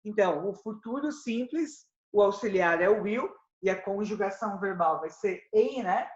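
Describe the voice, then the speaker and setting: A man with a Brazilian Portuguese accent teaching an English grammar lesson, explaining step by step and reading English examples slowly. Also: sits high, animated. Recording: roomy, slightly dull sound.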